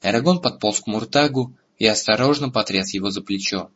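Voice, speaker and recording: A man narrating a fantasy audiobook in a steady storytelling manner, in a lo-fi recording. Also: fairly low pitch, fairly quick, slightly rough. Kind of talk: scripted narration.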